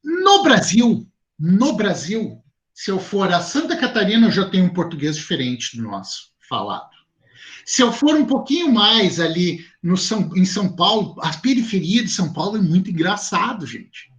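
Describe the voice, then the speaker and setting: A man with a Rio Grande do Sul accent teaching a class, lively and chatty, speaking straight to his students. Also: high voice, moderate pace. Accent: southern Brazilian, Rio Grande do Sul. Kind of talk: online class talk to students.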